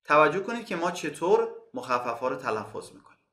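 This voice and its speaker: A man from Iran teaching a bilingual English lesson. He says English phrases slowly and explains them quickly. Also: a little high, very animated, pushed and bright, roomy sound.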